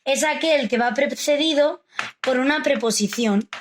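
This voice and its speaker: A woman's voice: high voice, a little slow, a little hiss or hum. A woman teacher, explaining a grammar and literature lesson to children and often checking they follow. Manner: explains patiently, asks rhetorical checks like "vale?". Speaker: primary school teacher. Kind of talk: recorded remote lesson for children.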